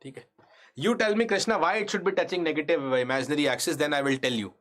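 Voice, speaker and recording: A male engineering exam lecturer with a North Indian accent teaches a live online class, walking through material step by step. His voice is on the high side, a bit bright, and racing, with a faint hiss or hum in the audio. He repeats key phrases, puts questions to his students, and slips Hindi into his English.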